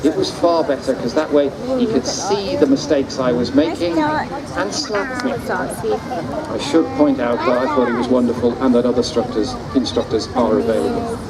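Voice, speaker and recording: A man giving live, explanatory airshow commentary in short phrases with drawn-out pauses. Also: mid-range voice, lively intonation. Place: outdoor seafront airshow, heard over loudspeakers. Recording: outdoor public address, loud crowd and engine noise. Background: crowd and aircraft noise.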